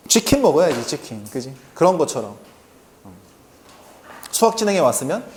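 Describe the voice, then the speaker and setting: A man teaching a math lesson, who keeps asking the class quick questions and then answers them himself. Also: sits high, darkish tone. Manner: keeps checking in with quick rhetorical questions to students; answers his own questions aloud.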